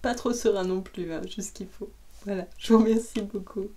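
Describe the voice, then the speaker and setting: A woman who reads books aloud, chatting casually at the end of a reading, soft and rambling, sometimes slipping into whispers, at home. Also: medium pitch, fairly even intonation, a little fast. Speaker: audiobook reader. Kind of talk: casual closing chat.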